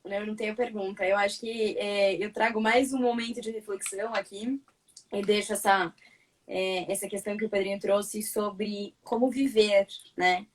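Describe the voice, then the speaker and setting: A woman's voice: medium pitch, fairly even intonation, normal speed, distant mic. A woman on a video call panel, speaking reflectively and posing rhetorical questions. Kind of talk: casual online panel talk.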